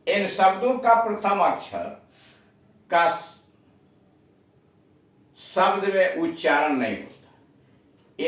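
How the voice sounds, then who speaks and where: Male English tutor, slow deliberate letter-by-letter spelling, slightly high voice, recorded far off in a very echoey room. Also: fairly bright tone. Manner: spells words letter by letter, then gives Hindi meanings. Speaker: English teacher. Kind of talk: spelling and pronunciation lesson.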